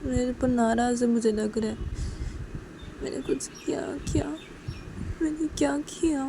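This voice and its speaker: A woman's voice: fairly high pitch, measured pace, background noise, pitched above the performer's own voice. A woman voicing Uma, an anxious, tearful young woman who keeps pleading and repeating questions to her partner in a spoken love story. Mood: worried, tearful.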